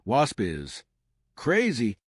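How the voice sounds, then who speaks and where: A man's voice: medium pitch, wildly swooping pitch, very slow, slightly rough, dry recording, studio quality, exaggerated voice. A man voicing a hostile, brutish male lizard creature who speaks in broken, clipped phrases.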